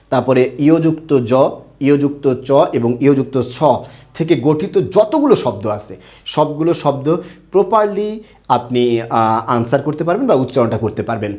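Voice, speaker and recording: High-voiced man teaching a grammar lesson. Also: darkish tone. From Bangladesh. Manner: asks the class questions and answers them himself.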